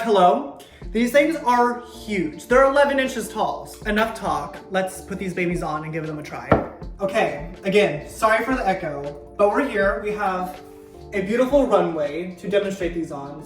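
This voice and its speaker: A woman's voice: mid-range voice, a little slow. Chatty woman in a heavily echoing kitchen. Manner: chatty, excitable, rambling. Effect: heavy room echo. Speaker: YouTuber. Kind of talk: casual unboxing vlog. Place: kitchen indoors. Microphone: camera mic, no clip-on. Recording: echoey kitchen with faint music.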